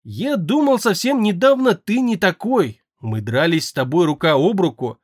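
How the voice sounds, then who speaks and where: A man's voice: lively intonation, moderate pace, no room sound, studio quality. A man voicing a young male air mage who is frightened, tearful and pleading, in an audiobook. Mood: accusing. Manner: pleading, shrill and anxious.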